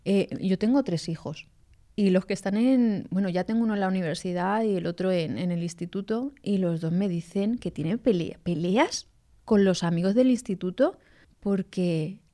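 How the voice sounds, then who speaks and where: Female guest, 40s, warm storyteller, quick to laugh. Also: medium pitch. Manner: laughs easily, chatty storyteller. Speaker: guest writer. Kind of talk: casual chat.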